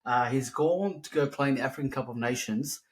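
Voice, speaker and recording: A man's voice: medium pitch, a little fast. Dismissive man talking sport. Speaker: podcast co-host. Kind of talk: casual sports banter.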